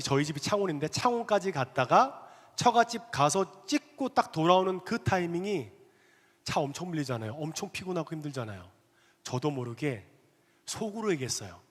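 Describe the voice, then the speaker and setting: A male pastor telling a personal story in a sermon, animated, sometimes dropping to hushed asides. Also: a little high. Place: church sanctuary. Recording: long reverb of a church hall.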